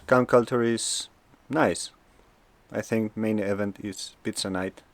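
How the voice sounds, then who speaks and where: A man from Spain, answering questions casually in an unhurried, thoughtful way with pauses. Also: fairly low pitch, fairly even intonation, no room sound.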